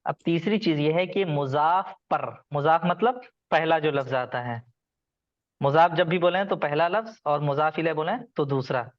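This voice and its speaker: A man's voice: a little high, moderate pace, dull audio. Patient male teacher quizzing his class. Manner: patient, quizzes students by name. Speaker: Arabic grammar teacher. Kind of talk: online class lecture.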